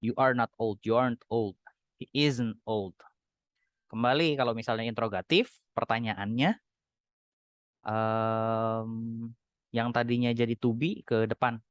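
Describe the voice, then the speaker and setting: A young man with an Indonesian accent teaches English grammar in a recorded lecture. His voice sits in a middle register, and he slows down deliberately to model example sentences. The sound is dry and close to the mic. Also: medium pitch, fairly even intonation, clear, resonant tone, dry recording, muffled recording.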